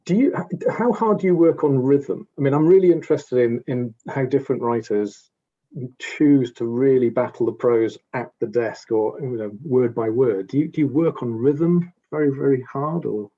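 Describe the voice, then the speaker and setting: A Welsh man asks questions in a casual interview, his voice husky and mellow. He searches for his words as he goes, and the audio is dull and lo-fi. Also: medium pitch, moderate pace. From Wales. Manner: searching, restarts his phrasing. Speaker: interviewer, fellow writer.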